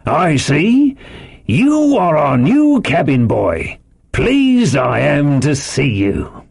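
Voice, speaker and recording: A bold, husky seafaring landlord, acted out by a male audiobook reader, hearty one moment and stern the next. He draws out his words loudly and emphatically, with gravel in the throat and big swings of pitch. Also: very animated, no echo, clean studio sound, heavily acted. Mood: genial. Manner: loud, emphatic, drawn-out old sailor's speech. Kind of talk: audiobook character voice.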